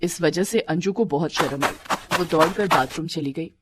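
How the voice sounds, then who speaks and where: A woman reading scripted storybook narration in a steady, clear storytelling voice. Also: low-pitched, normal speed, very noisy.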